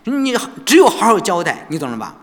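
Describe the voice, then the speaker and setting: A man's voice: high-pitched, huge pitch swings, brisk, pitched above the performer's own voice. A man voicing a sneering male prison guard who taunts and bullies a prisoner. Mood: jeering. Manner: taunting, jeering questions. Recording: long church reverb.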